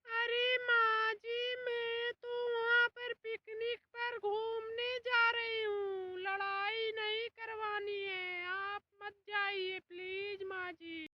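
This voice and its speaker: An exasperated young daughter-in-law in a comedy skit, voiced by a woman. She pleads in a whiny, very high voice, and loud noise fills the background of the recording. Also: little pitch movement, takes it slowly, hardly any pauses, lo-fi sound.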